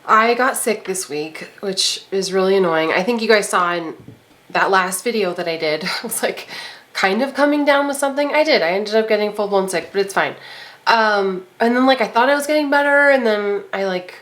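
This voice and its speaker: A woman's voice: mid-range voice, animated, normal speed, a bit bright. A woman, possibly in her thirties, chatting casually to camera with a congested, nasal voice from a cold, rambling with lots of fillers. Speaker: vlogger and eBay reseller.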